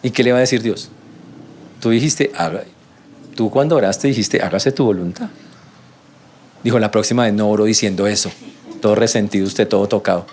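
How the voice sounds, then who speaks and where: A man preaching a sermon as a pastor, animated, acting out quoted prayers in a raised voice and dropping soft and low for humble ones. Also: fairly quick, pauses often, a little hiss or hum.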